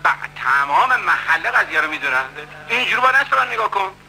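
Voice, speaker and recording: A man's voice: sits high, big pitch swings, sharp tone, a little hiss or hum, heavily acted, rough recording. A man dubbing a swaggering, bullying middle-aged café loafer who mocks and threatens in a film. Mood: mocking. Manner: blustering, mocking, threatening. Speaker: dub actor. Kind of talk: dubbed film acting.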